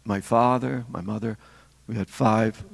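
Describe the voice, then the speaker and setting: An older man, a deacon, giving a reflective spiritual talk with storytelling and pauses between phrases. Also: fairly low pitch, steady tone, gravelly. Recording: long hall reverb.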